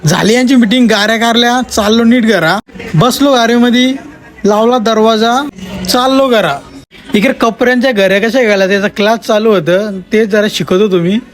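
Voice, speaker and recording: Male vlogger, very high voice; teasing, mock-amazed comic voice-over. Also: moderate pace.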